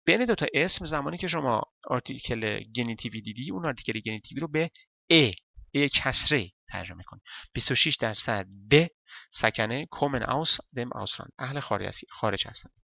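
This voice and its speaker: Persian man teaching German, gravelly voice. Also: medium pitch, expressive, pushed and bright, no room sound, muffled recording. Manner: explains step by step, counting parts aloud; reads German slowly and deliberately. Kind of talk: language lesson.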